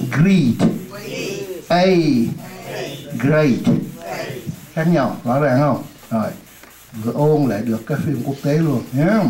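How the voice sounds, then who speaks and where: A man teaching an English lesson in Vietnamese, repeating words slowly for a class to echo and adding chatty, joking asides. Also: medium pitch, dark tone. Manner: drills words slowly, many times over, for the class to repeat.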